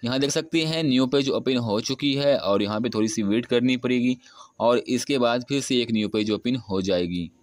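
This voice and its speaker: Around twenty years old, this young male tutorial host talks through a phone app step by step without a script, repeating points as he goes in a screen-recording walkthrough. His mid-range voice moves at a normal speed, and the recording is dry with clean studio sound.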